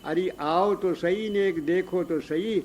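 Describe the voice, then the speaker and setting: A man's voice: high voice, slow, darkish tone, lo-fi sound, slight background noise. A man voicing a bold, talkative young village bride in a devotional story. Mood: calling out.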